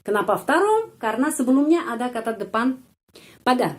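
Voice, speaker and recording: A woman teaching a language lesson, explaining step by step and repeating each example word slowly and carefully. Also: a little high, big pitch swings. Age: adult.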